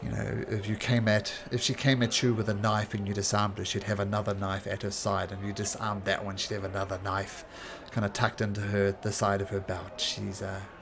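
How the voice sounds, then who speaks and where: Gravelly man improvising as game master. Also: fairly low pitch, level tone, brisk, few pauses, noisy background. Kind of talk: improvised tabletop game narration.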